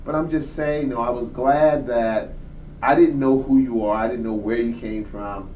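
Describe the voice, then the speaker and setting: A man's voice: mid-range voice, fairly even intonation, moderate pace, a little mellow, distant mic, slight background noise. Fifties male reverend interviewer, probing, heard off-mic in a roomy space. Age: 50s. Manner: probing, repeats his questions. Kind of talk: conversational interview.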